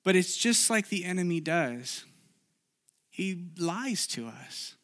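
A man's voice: high-pitched, sing-song, slow pace, fairly bright tone. Earnest man preaching a personal testimony. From Chile. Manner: earnest, confessional, with many restarts.

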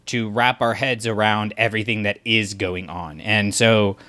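A man with a low-leaning, pushed and bright voice co-hosts a podcast, keeping a steady tone and a moderate pace. The conversation is casual and rambling, packed with fillers and restarts.

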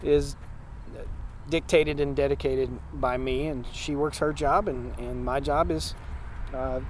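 A man's voice: medium pitch, steady tone, takes it slowly, a little hiss or hum. A man in his forties, a homesteading farmer, talking emphatically in a casual interview at an outdoor conference. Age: 40s. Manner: plainspoken, emphatic, with frequent restarts.

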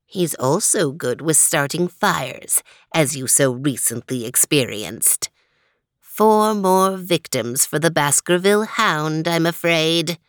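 A woman voicing a sly, gloating male cat who is a criminal mastermind, purring and slow in a storybook reading. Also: deep voice, expressive, no echo, studio quality. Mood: gloating villainy.

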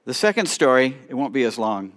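A middle-aged man, a rabbi, telling stories to a congregation with animated delivery and quiet asides. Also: medium pitch, brisk. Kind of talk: storytelling talk to a congregation.

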